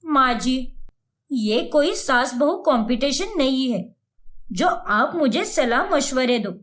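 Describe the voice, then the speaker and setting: A woman's voice: high-pitched, expressive, takes it slowly, fairly bright tone, full character voice. A woman voicing a bold, fiery young wife in a cartoon, who talks in a brash, scolding way.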